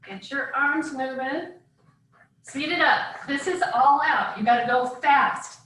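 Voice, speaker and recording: A fitness instructor with a high, bright voice leads a live group workout class indoors over a video call, calling out short, encouraging commands and countdowns at a slow pace. She sounds far from the mic in a very echoey room, with faint noise.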